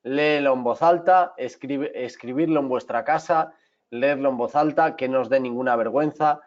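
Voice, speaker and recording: A man's voice: mid-range voice, moderate pace. Guy giving a class, lots of restarts and checking in with students, kinda dull lo-fi audio. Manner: talks straight to students, with many restarts and checks. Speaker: teacher. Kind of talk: online class lecture.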